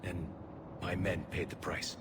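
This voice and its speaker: Loud vehicles and battlefield sounds fill the background as a man performs the burdened, dutiful young alien officer from a sci-fi game. He delivers his formal, earnest lines in a low, flat voice at a measured pace, sounding regretful and beaten.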